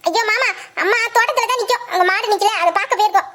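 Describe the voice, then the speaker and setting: Someone voicing a very high, quick sweet young girl. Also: sharp tone. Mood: tender. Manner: earnest, fond, giggly. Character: sweet affectionate young girl who adores her uncle. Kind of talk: audio drama acting.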